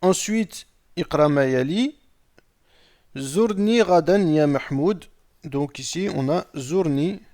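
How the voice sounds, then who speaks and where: A man with a fairly high voice teaches Arabic grammar at an unhurried pace. He reads example sentences aloud and translates them. He walks through each step patiently and keeps checking that his students follow. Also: animated, a little mellow. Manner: patient, explains step by step, often asks "d'accord?". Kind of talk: recorded lesson explaining Arabic grammar.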